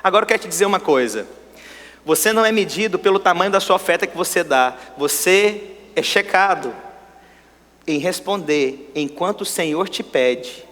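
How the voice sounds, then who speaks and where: A male pastor preaching a sermon, swinging between loud exclamations and hushed asides. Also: high voice, expressive, moderate pace. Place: church sanctuary. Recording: long church-hall reverb.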